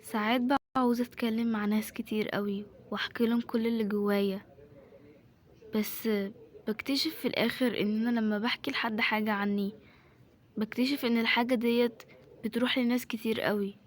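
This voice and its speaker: A woman with an Egyptian accent voicing a hurt, distrustful young woman who confides quietly in an amateur home drama. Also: on the high side, fairly even intonation, a little fast, natural voice. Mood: sad.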